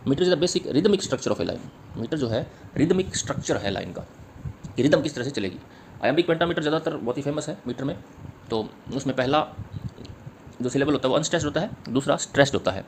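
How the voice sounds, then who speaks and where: A male literature teacher races through an exam-prep lecture at a rapid clip. He repeats the key points and sounds out rhythms aloud. His pitch sits right in the middle for a man. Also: lively intonation, slight background noise. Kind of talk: exam-prep lecture mixing Hindi and English.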